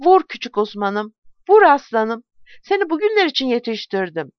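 A woman reading aloud and voicing a bold, fearless male Ottoman warrior who shouts his battle cries. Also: fairly high pitch, very animated, normal speed, no room sound, lo-fi sound, voice pushed up. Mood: rousing.

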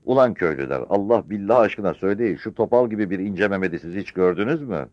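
A man voicing a big, bossy older village woman who scornfully shouts at the villagers. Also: lowish voice, expressive, quick pace, no room sound, muffled recording, voice pushed up, close to an everyday voice.

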